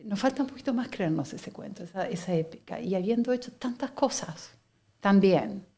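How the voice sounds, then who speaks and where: Warm and animated, with a medium pitch, this middle-aged woman from Argentina speaks with an Argentine Spanish accent as a guest and company director in a conversational interview. Her manner stays measured and reflective, sprinkled with fillers and laughter.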